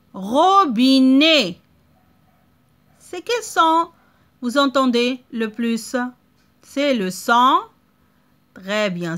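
A woman teaching a reading lesson to young children, stretching out words slowly and checking in often. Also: high-pitched, fairly bright tone. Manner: slow, drawn-out word modeling with frequent checks.

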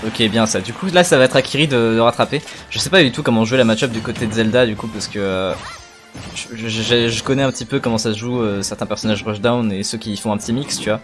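A man's voice: lowish voice, fast. A man giving casual, analytical esports caster commentary, thinking aloud and repeating phrases. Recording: faint music behind voice.

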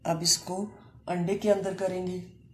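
A woman hosting a home cooking channel, calmly explaining each step of a recipe with short pauses. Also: on the low side. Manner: calm, step-by-step explaining with Urdu-flavoured words and short pauses. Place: home kitchen, echoey room. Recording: echoey room with faint ambient noise.

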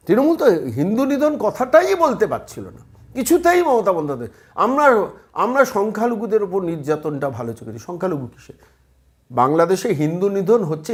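A man from West Bengal, delivering impassioned political commentary in a hectoring way, firing off rhetorical questions. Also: high voice.

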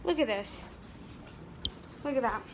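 A woman's voice: a little high, animated, a little slow, slight background noise. Chatty American woman scolding her dog. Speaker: dog owner vlogger. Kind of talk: casual home vlog. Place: inside a house. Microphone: handheld phone camera.

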